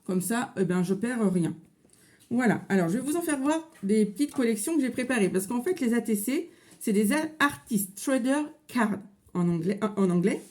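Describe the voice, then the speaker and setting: A woman's voice: fairly high pitch, lively intonation, a little fast, dark tone. A woman in her thirties with a French accent, chatting casually in a craft tutorial from her home office, with many fillers. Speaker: crafting vlogger.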